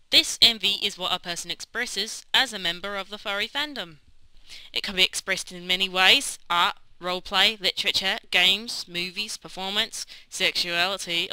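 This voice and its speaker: A woman's voice: medium pitch, pushed and bright, clean tone, dry recording, rough recording. A woman delivering scripted narration as the narrator and interviewer of a documentary.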